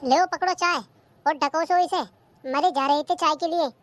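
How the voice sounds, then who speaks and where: A performer doing a squeaky, nagging old village mother-in-law. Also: normal speed, faint music behind, close to an everyday voice. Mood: scolding. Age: older. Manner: nagging, taunting, complains about the old days. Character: scolding old village mother-in-law, bossy and sharp-tongued. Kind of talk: cartoon comedy skit.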